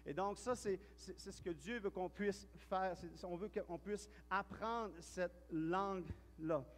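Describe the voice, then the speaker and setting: A pastor from Quebec, Canada, with a Quebec French accent, delivers a sermon in a church hall where long reverb trails each phrase. His voice is high and his pace slow, and he talks in a relaxed, chatty, storytelling way, often restarting and repeating words.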